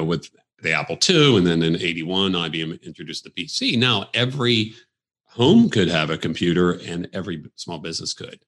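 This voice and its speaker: A man in his fifties speaks as a guest in an office interview, his voice very low yet bright and forward. He tells his stories in a reflective, easygoing way, with plenty of fillers and restarts. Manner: reflective, storytelling, frequent fillers. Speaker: podcast guest, entrepreneur. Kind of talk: conversational interview.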